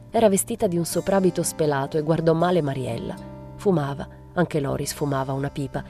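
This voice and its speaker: A woman reading a novel aloud in a measured, plain literary way. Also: sits low, mellow. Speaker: reader.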